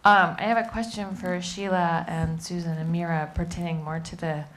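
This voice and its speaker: Nervous woman in the audience asking the panel something, low shaky voice. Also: steady tone, normal speed, fairly bright tone. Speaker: audience member asking a question. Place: museum event room.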